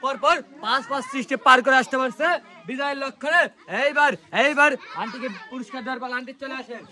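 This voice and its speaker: A man's voice: very high voice, steady tone, quick pace. A man hosting an outdoor game, energetically coaxing contestants and calling for applause. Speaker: game host. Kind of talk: lively game-show announcing. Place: outdoors in a public street setting. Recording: loud outdoor crowd noise.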